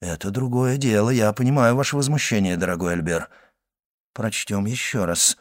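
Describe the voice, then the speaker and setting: A man reading the part of a genial, wry male journalist in an audiobook, speaking low and calm. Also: moderate pace, close to an everyday voice.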